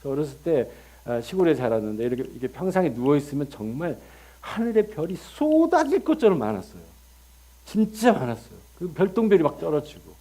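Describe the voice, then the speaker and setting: Animated man preaching a sermon. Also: fairly high pitch, fairly quick. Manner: animated storytelling, acts out dialogue with sudden loud outbursts. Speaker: pastor.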